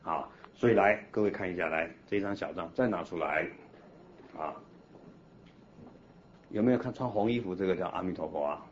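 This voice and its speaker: A deep-voiced man, a Buddhist monk, teaches a class in an animated, coaxing manner and guides the group through slow, steady chanting. The recording is dull and lo-fi, with a faint hiss behind his voice.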